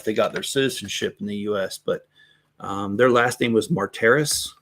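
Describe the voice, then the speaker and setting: This middle-aged man speaks on the low side with a slightly bright quality, and a bit of background noise is audible. He's a Lego livestream host, rambling and joking at his own expense while chatting with viewers.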